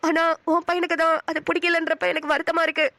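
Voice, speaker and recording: A woman's voice: extremely high pitch, level tone, quick pace, pushed and bright, dry recording. A woman voicing a pleading middle-aged aunt. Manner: emotional, persuasive. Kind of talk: Tamil cartoon dubbing.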